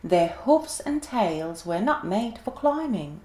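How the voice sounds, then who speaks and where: Lady reading a kids' story really slow, lively up and down voice. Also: mid-range voice. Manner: gentle, expressive reading. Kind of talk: reading a children's story aloud. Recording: echoey room.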